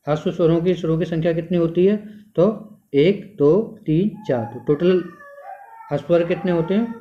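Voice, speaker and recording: A man's voice: fairly high pitch, dark tone. A male teacher giving a classroom lecture, asking the class questions and then answering them himself. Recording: dull lo-fi sound.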